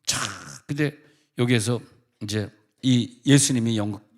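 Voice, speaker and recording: A middle-aged male pastor preaches in a church, speaking at a mid pitch. He tells stories in a loose, joking way and asks the congregation questions as he goes. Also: unhurried. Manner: casual, humorous storytelling. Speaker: senior pastor. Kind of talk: sermon.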